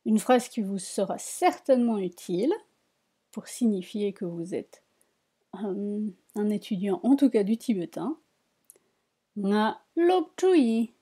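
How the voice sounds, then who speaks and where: A woman teaching a reading lesson, spelling out syllables one by one and repeating each word slowly. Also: mid-range voice, dark tone, husky. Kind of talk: slow spoken language lesson.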